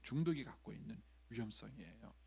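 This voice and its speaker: A man's voice: mid-range voice, expressive, fairly quick, creaky, dark tone, slightly rough. A man preaching a sermon in a church, talking conversationally and acting out quoted lines in changing voices. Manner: conversational preaching with frequent filler 'ye'. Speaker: pastor. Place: church sanctuary.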